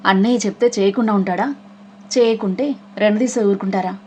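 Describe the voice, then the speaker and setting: A woman's voice: mid-range voice, steady tone, fast talker, dark tone, slight background noise, close to an everyday voice. A woman voicing a chatty young female friend who teases. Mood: teasing. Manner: teasing, chatty.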